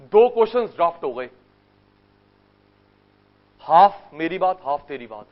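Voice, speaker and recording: High-voiced Indian teacher drilling a class. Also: male voice, big pitch swings, dull audio. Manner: drills terms by repetition, coaxing students to answer fast. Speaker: economics teacher. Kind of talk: classroom lecture with call-and-response drills.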